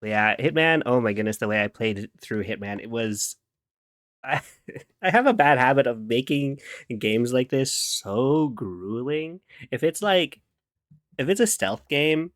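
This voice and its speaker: Chatting casually on a live stream, a man with a mid-range, slightly bright voice giggles and plays around, humming and scatting to himself between comments as he works. There's no room sound, just clean studio audio.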